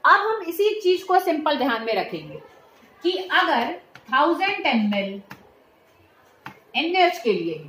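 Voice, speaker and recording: A woman teacher with a high voice explains a lab procedure step by step in a school chemistry lab. She talks patiently and keeps checking that her students follow along. The room gives her voice a clear echo. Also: sing-song, slow, pauses often, a bit bright, a little hiss or hum. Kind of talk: hands-on lab demonstration. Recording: roomy echo.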